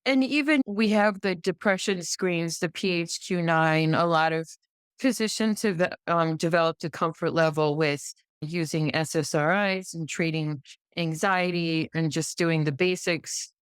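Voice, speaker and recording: Heard in clean, studio-quality audio without any room sound, this pediatrician guests on a podcast and talks at an unhurried pace in a fairly low voice. She is a middle-aged American woman who presses her arguments emphatically, often repeating herself and posing rhetorical questions in the conversational interview.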